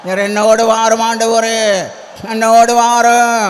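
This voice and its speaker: A man's voice: very high-pitched, completely flat delivery, a little slow. A man with a Tamil accent preaching and leading a pleading, repetitive prayer as a pastor in a church prayer hall. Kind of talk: sermon and loud congregational prayer. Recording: long hall reverb with faint ambient noise.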